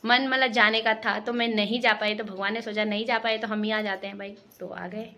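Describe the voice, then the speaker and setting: A young woman from Garhwal, chatting fast and cheerfully to her viewers in a casual home vlog. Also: mid-range voice, fairly even intonation, sharp tone. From Garhwal, Uttarakhand. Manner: fast-talking, chatty, addresses viewers as guys. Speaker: vlogger.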